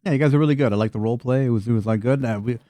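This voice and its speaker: A man hosts a tabletop roleplaying game in a casual, chatty way. His voice is dark and relaxed at a middling pitch, with a dry, close sound. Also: very fast, no echo. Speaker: game master and host.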